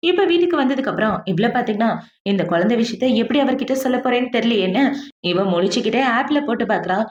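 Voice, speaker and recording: A woman narrating a drama recap in a brisk, chatty way, acting out the quoted lines as she goes. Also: fairly high pitch, expressive, reverberant, dull audio. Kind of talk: casual storytelling recap of a drama.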